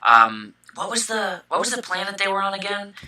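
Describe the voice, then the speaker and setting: With a high-pitched, sing-song voice at a moderate pace, this young fan-podcast co-host sounds bright and forceful despite poor audio. Hiccuping throughout, he chats eagerly, stumbling over fillers and restarting sentences.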